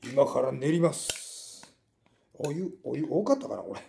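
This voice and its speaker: Middle-aged kansai guy muttering through a home food vlog, really mellow voice, bit of room noise. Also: medium pitch, very animated, moderate pace, vocal fry. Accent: Kansai Japanese. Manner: muttering to himself as he works. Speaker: food vlogger. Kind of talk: casual chat while cooking and tasting. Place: small indoor room at a table.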